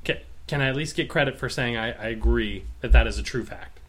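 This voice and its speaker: A man's voice: mid-range voice, fairly quick. A man co-hosting a casual sports talk show, arguing his side and playing devil's advocate. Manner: argumentative, plays devil's advocate. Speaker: co-host.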